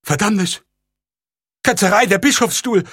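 A man's voice: high voice, normal speed, a bit bright, slightly rough, dry recording, clean studio sound, pitched above the performer's own voice. A man reading an audiobook, voicing an older male church official who stammers in panic. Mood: panicked stammering. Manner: stammering, aghast.

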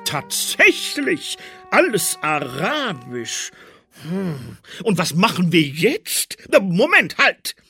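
A storyteller voicing a jolly, excitable male Santa Claus in a read-aloud storybook. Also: mid-range voice, slow pace, vocal fry, slightly rough, faint music behind, pitched above the performer's own voice, heavily acted. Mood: puzzled explaining. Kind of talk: storybook reading.

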